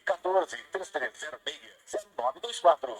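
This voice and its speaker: A man's voice: fairly high pitch, normal speed, crowd noise. Man's ad read from a tinny pocket radio. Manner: reads out addresses and numbers. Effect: tinny sound from a small hand-crank radio speaker. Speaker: radio ad announcer. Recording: tinny radio heard from afar in an echoey room.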